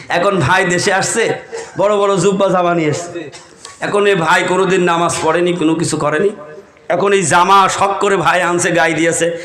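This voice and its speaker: Male preacher, high bright voice, rousing sermon style with chanted verses, urges crowd to respond; echoey hall. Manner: calls on the crowd to answer and shout along; rural spoken Bengali with vivid storytelling.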